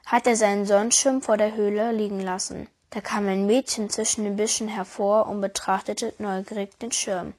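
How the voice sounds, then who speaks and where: A woman reading a children's story aloud in a calm, even storytelling manner. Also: mid-range voice.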